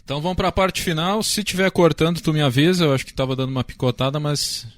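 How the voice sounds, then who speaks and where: A man's voice: on the high side, steady tone, fast, no room sound. A man hosting an interview over a video call, speaking plainly and patiently. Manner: plain, patient, checking the connection. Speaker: interviewer, host.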